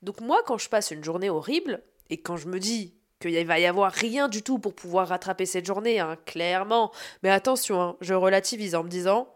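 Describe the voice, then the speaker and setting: Woman, podcast host, casual storytelling, animated, self-mocking, swears freely, mid-range voice. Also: medium pitch. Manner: shifts between fast asides and slow, dragged-out emphasis.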